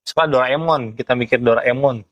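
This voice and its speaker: A young man with a Jakarta Indonesian accent explains things in casual chat, haltingly, often searching for words. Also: mid-range voice, dry recording, highs cut off. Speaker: ghost photographer being interviewed.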